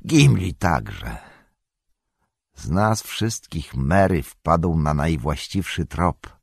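A man voicing a commanding old male wizard in an audiobook, with forceful commands. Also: a bass voice, very animated, very slow, creaky, slightly rough, no echo, clean studio sound, heavily acted. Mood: reflective. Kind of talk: audiobook character reading.

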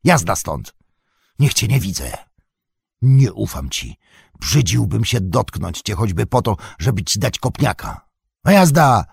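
A man voicing a loyal, fierce young male hobbit in an audiobook who shouts urgently. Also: mid-range voice, wildly swooping pitch, a little slow, gravelly, hardly any pauses, husky, no room sound, studio quality, pitched above the performer's own voice, exaggerated voice. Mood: angry.

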